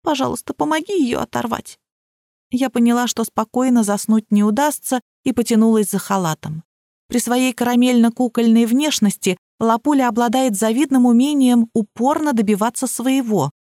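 A woman narrates a comic novel in the first person, her fairly high voice carrying a wry, ironic edge. The sound is close and dry, with no room echo. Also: normal speed, warm tone. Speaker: audiobook narrator.

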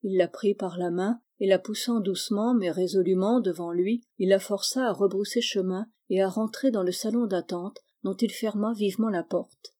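A woman reading a novel aloud, in steady, measured narration. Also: mid-range voice. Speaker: audiobook reader. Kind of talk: scripted narration.

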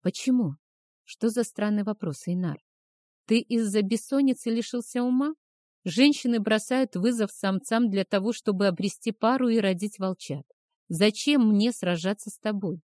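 A woman's voice: mid-range voice, a little mellow, no room sound, studio quality. A woman voicing a proud young werewolf woman with fierce, biting retorts.

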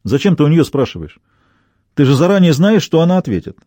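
A man's voice: fairly high pitch, very animated, fairly quick, dark tone, dry recording, studio quality. A man reading an audiobook, voicing a sardonic, nervous man who needles his friend with mocking remarks. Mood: needling. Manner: mocking, muttered sarcasm.

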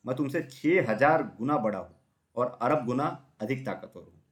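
A man's voice: mid-range voice, animated, normal speed, close to an everyday voice. A man voicing a huge, arrogant male elephant in a children's story, proud and mocking. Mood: mocking laughter.

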